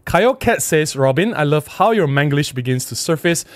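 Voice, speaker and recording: At a desk in a small indoor room, a middle-aged Malaysian-accented man hosts a livestream, casually reading out comments and answering them emphatically. His voice is on the high side with lively intonation and a moderate pace, captured with no echo on a close desk mic fitted with a windscreen.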